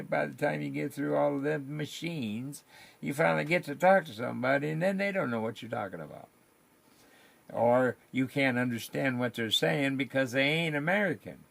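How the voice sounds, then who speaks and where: A man's voice: medium pitch, vocal fry. An older man, chatting casually and rambling in folksy, colloquial talk on his live stream.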